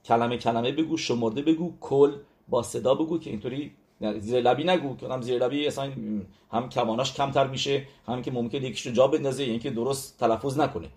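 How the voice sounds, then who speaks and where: Hardly pausing at all, a man gives a religious lesson on letter numerology in a steady, medium-pitched voice with a darkish tone. He stresses his points emphatically, repeats key words and checks in with those listening.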